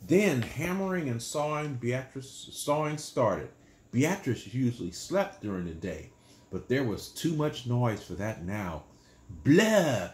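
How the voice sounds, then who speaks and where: A man reading a bedtime story aloud and gently explaining it to children. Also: mid-range voice, lively intonation, measured pace, reverberant. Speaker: storyteller, channel host.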